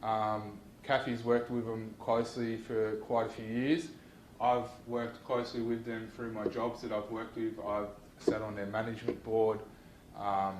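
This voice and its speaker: A young Australian man giving an informal university lecture, talking in a relaxed and conversational way with many ums and restarts. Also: lowish voice, echoey room, slight background noise, rough recording. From New South Wales, Australia. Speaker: guest lecturer.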